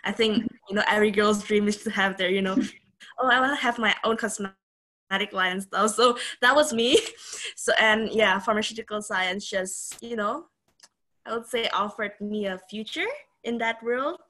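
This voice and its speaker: A woman's voice: mid-range voice, moderate pace, sharp tone. A young woman from Indonesia, a university student, chatting casually on a video call with lots of you knows. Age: young adult. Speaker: student panellist.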